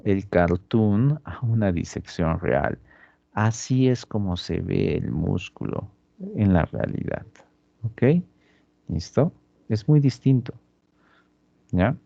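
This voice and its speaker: A man teaching anatomy over a dissection in a slow, deliberate way, constantly checking that the students follow. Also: fairly low pitch, expressive, vocal fry, dark tone, dry recording, highs cut off. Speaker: anatomy instructor. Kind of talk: lecturing during a dissection demonstration.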